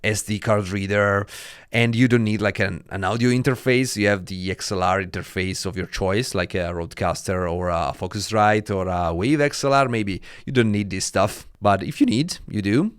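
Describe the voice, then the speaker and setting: A man's voice: on the low side, normal speed, clean tone. Italian-accented man reviewing tech gear casually. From Italy. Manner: chatty, many fillers like "uh" and "like". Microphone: dynamic studio mic through an audio dock.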